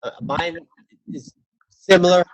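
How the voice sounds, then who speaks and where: A man's voice comes through a glitchy, choppy internet call, breaking up and swinging between loud and faint from moment to moment. He talks haltingly, pausing often and filling the gaps as he shares a testimonial over his computer microphone. The connection keeps dropping pieces of his words. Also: sits high, dry recording, lo-fi sound. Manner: halting, with many pauses and fillers. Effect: glitchy call audio breaking up and dropping in and out. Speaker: guest speaker on a group video call. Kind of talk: impromptu testimonial on a conference call.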